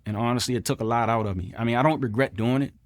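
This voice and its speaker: A middle-aged combat veteran with a medium-pitched voice speaks rapid-fire in a personal interview. He recalls his experiences reflectively and earnestly, repeating phrases for emphasis.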